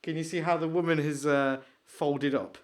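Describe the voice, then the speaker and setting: A man co-hosting a podcast, chatting excitably and rambling, trailing off into mumbles while he searches. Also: a little high, normal speed. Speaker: podcast co-host. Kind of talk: casual chat.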